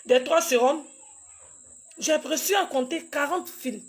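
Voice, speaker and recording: A woman, a mother, tells a painful personal story in a halting, repetitive way, acting out what each person said. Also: sits high. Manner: halting and repetitive, acts out dialogue. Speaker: grieving mother recounting a loss.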